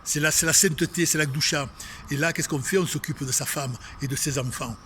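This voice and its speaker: A man's voice: fairly high pitch, brisk, pushed and bright. Man, Marseille accent, inspirational outdoor sermon, emphatic, repeats himself, talks to the listener; noisy open-air recording. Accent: Marseille French. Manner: emphatic, repetitive, addresses listeners directly. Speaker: spiritual speaker. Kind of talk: inspirational religious talk. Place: outdoors facing a tree.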